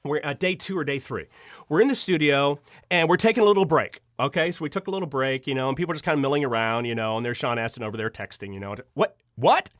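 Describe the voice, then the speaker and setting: Recorded dry and clean in a studio, a medium-pitched man with a slightly bright tone talks quickly. He's an interviewed audio drama writer and director, gushing through anecdotes and acting out the lines.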